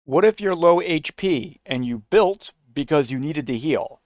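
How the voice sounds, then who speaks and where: Man, argumentative reaction commentary, lively high voice, dry close sound. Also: a little slow, no room sound. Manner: indignant, argumentative, mocks in a sing-song voice.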